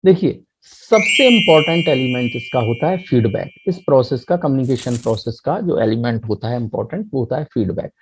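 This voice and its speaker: A man teaching a commerce lecture in Hindi, explaining step by step and reading English definitions slowly. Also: mid-range voice, animated, slight background noise. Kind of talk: classroom lecture. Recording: muffled lo-fi mic.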